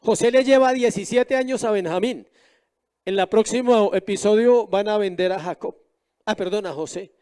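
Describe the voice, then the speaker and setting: High-voiced man preaching a sermon. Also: normal speed, a little mellow, clear, resonant tone. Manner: preaching with rhetorical questions to the congregation. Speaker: pastor.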